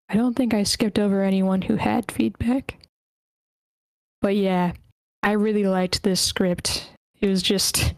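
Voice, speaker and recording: Moderating an online meeting, a woman runs a script table read in an informal, playful way, keeping the chat casual. Her voice is mid-range, and the close, dry sound of the voice call has no room sound.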